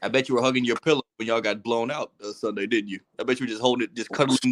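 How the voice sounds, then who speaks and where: A man's voice: medium pitch, fairly even intonation, racing, fairly bright tone. Man ranting hotly on a podcast. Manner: heated, exasperated ranting with swearing and teasing. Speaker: podcast host. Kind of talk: casual sports podcast rant.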